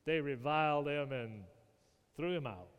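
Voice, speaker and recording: A man's voice: fairly high pitch, unhurried, clean tone, muffled recording. Guy giving a sermon, acts out the people in the passage, big echoey hall. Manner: animated storytelling, acting out the people in the text. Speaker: pastor. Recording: long reverb of a hall.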